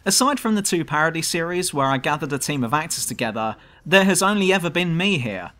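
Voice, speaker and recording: A YouTube gaming channel host from southern England reads a scripted, self-mocking commentary over gameplay in his southern English accent. He talks fast and expressively, his high-leaning voice pushed and bright.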